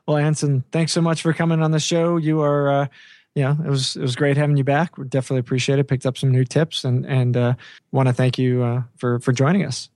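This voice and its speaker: A man's voice: medium pitch, little pitch movement, a little fast, darkish tone, dry recording, clean studio sound. A man hosting a podcast in a casual, conversational way. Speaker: podcast host.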